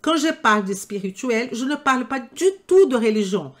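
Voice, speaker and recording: A woman's voice: on the high side, expressive, normal speed, fairly bright tone. An older woman whose first language is not French, lecturing health professionals in an emphatic way, full of rhetorical questions. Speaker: nutrition trainer. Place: room with live audience.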